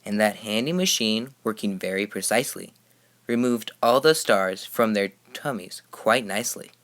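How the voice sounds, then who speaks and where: A man's voice: lowish voice, lively intonation, normal speed, a bit bright. A man reading a rhyming children's story aloud with emphatic, rhythmic expression. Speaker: storybook reader.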